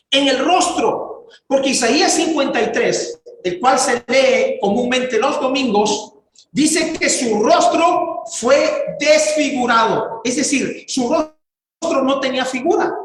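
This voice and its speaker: A man preaching a sermon as pastor, fervent, building to raised, drawn-out exclamations. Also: very high voice, a bit bright. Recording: very echoey church hall.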